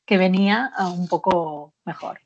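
In a muffled recording, a woman with a fairly low voice talks a little slowly about her life as a guest promoting her memoir. Warm and candid, she hesitates with frequent fillers and laughs often.

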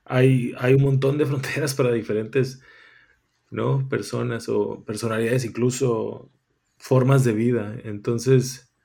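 A man's voice: medium pitch, vocal fry, warm tone. A man from Tijuana, a writer and visual artist answering interview questions thoughtfully, often restarting phrases and adding tag questions. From Tijuana, Mexico.

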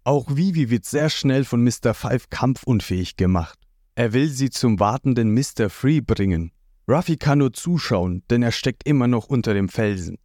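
A man narrating a recap of a comic story in a slow, lively way. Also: mid-range voice, no room sound, clean studio sound.

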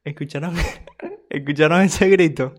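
A man's voice: a little high, unhurried. A man with a Venezuelan accent giving casual, laughing reaction commentary on a video, telling it with lots of slang. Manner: laughing, animated, slangy storytelling.

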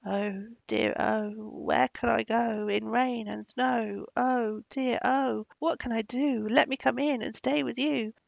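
A woman's voice: a little high, steady tone, creaky, no echo, lo-fi sound, pitched above the performer's own voice, full character voice. Woman doing a lost, pleading little spirit. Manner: slow, plaintive and wailing.

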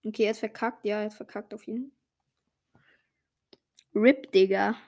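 A young, slangy gamer giving excited casual commentary while playing, full of exclamations and swearing. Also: medium pitch, moderate pace, creaky. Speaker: gaming streamer playing a party game.

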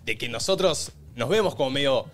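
A young man with a Rioplatense Spanish accent hosts a casual group chat podcast, retelling stories with animated delivery. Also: mid-range voice, a little fast, soft background music. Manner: animated, reads messages aloud in other voices. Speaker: podcast host.

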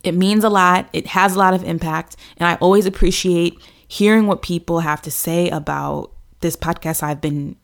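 A woman's voice: lowish voice, fairly even intonation, moderate pace, creaky. A woman hosting a podcast gives a chatty, upbeat intro to the episode. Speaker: podcast host.

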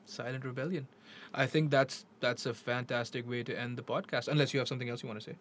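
A man's voice: mid-range voice, fairly even intonation, quick pace, a bit bright. A man with a Pakistani accent hosting a casual podcast, informal and emphatic, often repeating his phrases. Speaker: podcast host. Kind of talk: casual podcast chat mixing English and Urdu.

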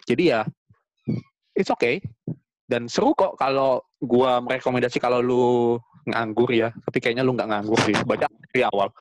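A man co-hosts a casual podcast, speaking in loose slang and slipping into quoted reactions as he tells a story. His voice sits at an ordinary middle pitch. The recording is close and dry, with no room sound. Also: moderate pace, long pauses, no room sound. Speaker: podcast co-host. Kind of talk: casual chat.

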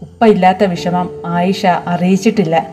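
A woman narrating a story in a calm, expressive reading voice. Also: lowish voice, a little slow. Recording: soft background music.

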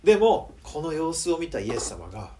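A man preaching a sermon in a chatty, lively way, asking his audience questions. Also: fairly high pitch, moderate pace, slight background noise. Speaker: pastor.

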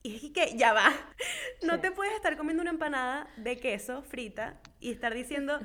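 High-voiced Venezuelan woman telling stories. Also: normal speed. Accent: Venezuelan Spanish. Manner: animated storyteller, laughs often, acts out quotes. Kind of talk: casual chat.

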